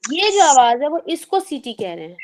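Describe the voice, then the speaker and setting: A woman teaching recitation to her online class. Her voice sits a little high, and she explains patiently, step by step, slipping English terms into her talk. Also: very animated, darkish tone.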